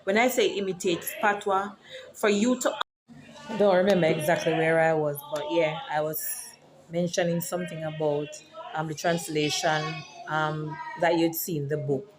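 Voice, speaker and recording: A woman's voice: low-pitched, fairly even intonation, normal speed, background noise. A woman from Jamaica with a Jamaican accent, a teacher and author talking casually to camera and explaining words like a lesson. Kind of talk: casual vlog.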